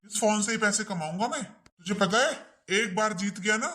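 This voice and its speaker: An idle young husband in a home drama skit, played by a woman waves off his wife and keeps bragging. The voice sits at an ordinary middle pitch. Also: moderate pace, a bit bright, natural voice. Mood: dismissive. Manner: dismissive, boastful. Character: lazy young husband, sure of phone winnings.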